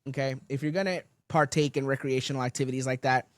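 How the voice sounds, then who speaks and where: A young man, casually telling a story on a podcast, animated and swearing, loudly acting out quotes. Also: medium pitch, quick pace, no echo, clean studio sound. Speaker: podcast co-host.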